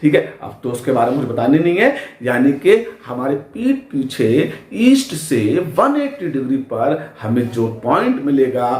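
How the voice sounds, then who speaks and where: A man's voice: mid-range voice, a little mellow. A man teaching physics in speech at a board, who asks the class questions and answers them himself. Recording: echoey room.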